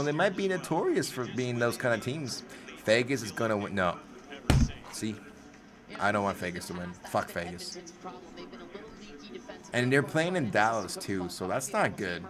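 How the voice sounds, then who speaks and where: A man hosting a live hockey watch-along, reacting casually to the game and chatting with viewers by name, swinging between low mumbling and sudden loud outbursts, often profane.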